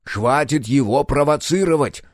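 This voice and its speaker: A man reading an audiobook and voicing a male starship pilot who tries to calm the others down. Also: mid-range voice, normal speed, no echo, clean studio sound, pitched above the performer's own voice. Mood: placating.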